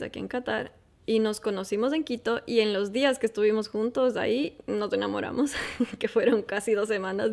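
A woman's voice: medium pitch, vocal fry. A woman, telling her own life story in a casual, chatty way and laughing often. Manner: chatty, laughs often, lively asides to listeners. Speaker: host.

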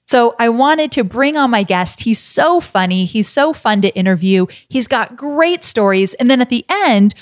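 A woman's voice: on the high side, lively intonation, moderate pace, hardly any pauses, no echo, clean studio sound. A woman hosting a podcast, introducing her guest in an upbeat, enthusiastic way before interviewing him. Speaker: podcast host.

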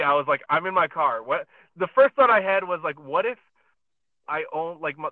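A man's voice: medium pitch, no echo. A man co-hosting a podcast from his parked car, chatting casually and rambling with lots of fillers and restarts. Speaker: podcast co-host. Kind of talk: casual chat. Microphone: phone over a podcast app. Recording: tinny phone-line sound.

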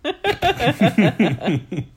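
A woman's voice: medium pitch, drawn-out words, husky. A woman co-hosting a podcast, chatting casually as she watches an episode and laughing often at what she sees. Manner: laughs often, animated reactions. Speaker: podcast co-host. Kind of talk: casual watch-along commentary.

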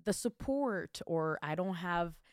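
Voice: medium pitch, expressive, slow pace, clean tone, no echo, clean studio sound. Give me a podcast interviewer who sounds encouraging and repeats phrases to drive a point home. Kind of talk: casual interview chat.

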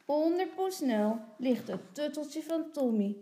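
A woman teacher reading a children's picture book aloud, softly and sometimes in a hush. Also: high-pitched, expressive, slow pace. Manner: soft, hushed at times.

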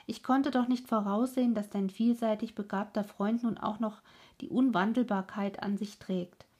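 An eager, sympathetic uncle voiced by a woman reading aloud presses with questions in a soft, breathy tone. The lines keep a middle pitch and a storybook feel. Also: fairly even intonation, normal speed, natural voice. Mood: gently teasing. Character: kindly curious uncle, a grown man.

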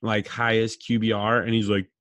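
A man's voice: on the low side, flat delivery, moderate pace, fairly bright tone, dry recording. A young man co-hosting a casual sports podcast, joking and laid-back. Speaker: podcast co-host.

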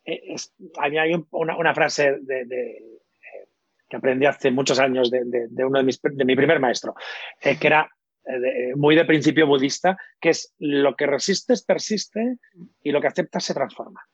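A male coach and trainer thoughtfully explains his methods in an interview, often pausing in the middle of a sentence. His voice is husky and medium-pitched, at a normal speed. The recording is dry, dull and lo-fi.

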